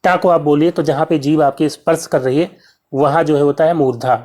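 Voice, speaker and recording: This slightly high, darkish male voice keeps a steady tone while teaching grammar for an exam. He breaks the material down step by step, answers his own questions, and pronounces each sound slowly as a demonstration.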